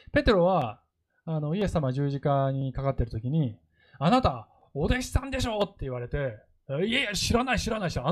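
A male pastor preaching a sermon, telling stories and acting out quoted lines. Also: on the high side. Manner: lively storytelling, acts out quoted lines.

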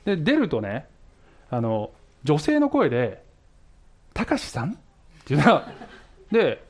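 Guy preaching a sermon, slightly high voice, goes all over the place telling a funny story, laughs a lot. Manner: animated, laughs while telling stories. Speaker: pastor. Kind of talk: sermon with a comic personal story.

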